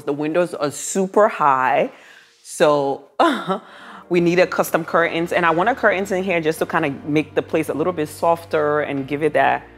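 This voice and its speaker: A woman giving a casual home makeover tour to viewers, gushing admiringly about the decor as she goes. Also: low-pitched. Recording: music behind the voice. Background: background music.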